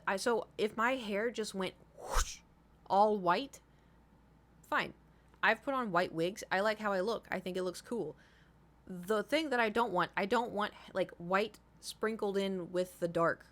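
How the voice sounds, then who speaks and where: A woman in her thirties hosts a livestream, her medium-pitched voice carrying a slight brightness. She chats casually and informally with viewers, rambling, swearing freely, and repeating herself for emphasis.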